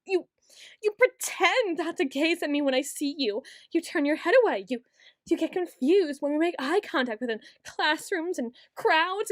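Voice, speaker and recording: A woman's voice: sits high, dry recording, clean studio sound, natural voice. A woman playing a paranoid, obsessive young yandere student in an ASMR role-play, stammering, pleading and accusing as she repeats her words insistently. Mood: agitated, accusing. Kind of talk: ASMR role-play monologue, acted straight to the listener.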